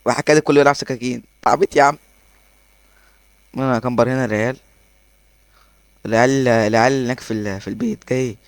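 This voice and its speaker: A man with an Egyptian accent giving excitable gameplay commentary, laughing often and talking to himself as he plays. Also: mid-range voice, fast, long pauses, clear, resonant tone, no room sound. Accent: Egyptian Arabic. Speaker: gaming YouTuber.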